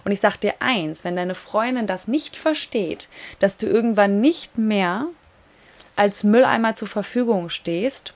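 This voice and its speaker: A woman's voice: mid-range voice, measured pace. A woman coach talking directly to her listener in a solo advice podcast, emphatic and frequently checking in with tag questions.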